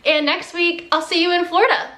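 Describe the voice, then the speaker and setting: Her voice is extremely high, fairly quick and a bit bright, with intonation that stays fairly even. She's a young lifestyle vlogger chatting casually to the camera at home, sprinkling in "like" constantly, and the room echoes.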